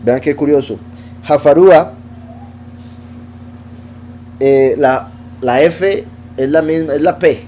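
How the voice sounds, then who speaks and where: A man teaching a Bible study, reading verses aloud and slowly spelling out Hebrew words as he explains them. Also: on the high side, a little mellow, slight background noise. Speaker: teacher of scripture.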